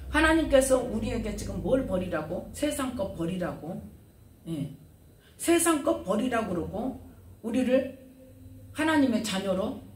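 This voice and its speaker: A woman pastor preaching a sermon. She keeps firing rhetorical questions at the congregation, and her voice rises and falls sharply in loudness. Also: mid-range voice, slight background noise. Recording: roomy sound from a distant mic.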